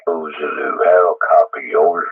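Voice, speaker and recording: A man's voice: a bass voice, steady tone, moderate pace, slightly rough. A man chatting casually and in a folksy, rambling way over a crackly two-way radio as a ham operator. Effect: crackly two-way radio transmission. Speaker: amateur radio operator checking in to a net. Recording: muffled, narrow-band ham radio transmission.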